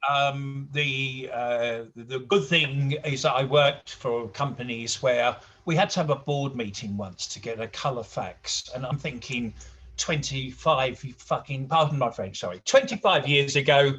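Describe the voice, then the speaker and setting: Halting middle-aged man in casual discussion. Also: mid-range voice, a bit bright. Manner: halting, restarts often. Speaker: property business owner. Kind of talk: casual chat, answering interview questions.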